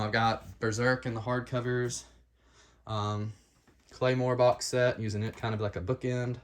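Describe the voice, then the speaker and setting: A man giving a casual tour of his shelves, listing titles with lots of ums and side remarks. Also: medium pitch. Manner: rambling, lists titles with many ums. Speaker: collector showing his shelves.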